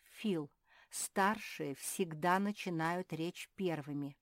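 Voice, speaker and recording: A woman's voice: on the low side, slow pace, no room sound, clean studio sound. A woman voicing a wise, patient female owl who explains and sighs, in a storybook reading.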